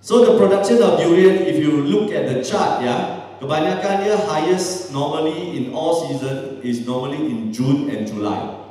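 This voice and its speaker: A man's voice: fairly high pitch, a little slow, warm tone. A man from Malaysia with a Malaysian accent, presenting at a seminar, mixing Malay, Indonesian and English and tagging sentences with "ya". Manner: mixes Malay, Indonesian and English, frequent "ya" tags. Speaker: seminar speaker. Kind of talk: conference presentation. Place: large hall. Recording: echoey hall from far off.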